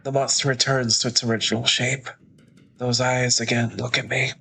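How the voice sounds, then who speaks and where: A sick man narrating a game aloud as a streamer, reading in a slow, measured way with a raspy, creaky voice. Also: medium pitch, flat delivery, bright, forceful tone, soft background music, poor audio.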